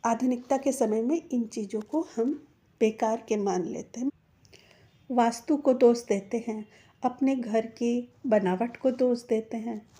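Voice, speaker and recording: A middle-aged woman, hosting her own channel and giving measured, persuasive advice straight to her viewers, whom she calls friends. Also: fairly high pitch, warm tone. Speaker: channel host. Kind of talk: slow earnest advice to viewers.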